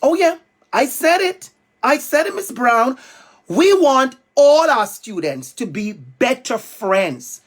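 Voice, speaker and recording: This Jamaican man speaks at an extremely high pitch, very animated yet slow, as a guest speaker at a school. He gives young students a playful, emphatic talk and calls out to the kids.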